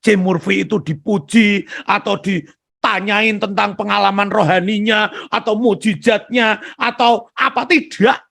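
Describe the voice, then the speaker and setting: Male preacher, high voice, gravelly, husky, dramatic storytelling. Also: steady tone, measured pace, sharp tone. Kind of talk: storytelling sermon.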